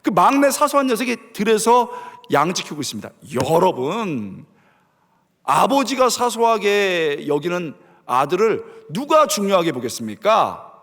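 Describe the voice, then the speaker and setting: Animated male pastor in an echoing hall. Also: high-pitched, moderate pace. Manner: animated storytelling, acting out quotes and sound effects. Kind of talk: sermon. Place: church sanctuary. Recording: long reverb of a church hall.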